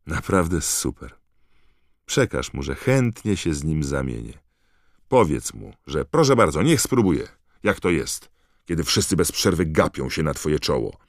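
A man's voice: extremely low pitch, big pitch swings, a little slow, dry recording, studio quality, full character voice. Harry, a man doing a bitter teenage wizard. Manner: bitter, raising his voice.

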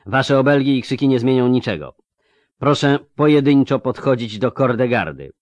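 A man's voice: mid-range voice, lively intonation, moderate pace, dry recording, highs cut off, voice pushed up, lightly acted. A man voicing a stern imperial officer who gives orders in a cold, formal way.

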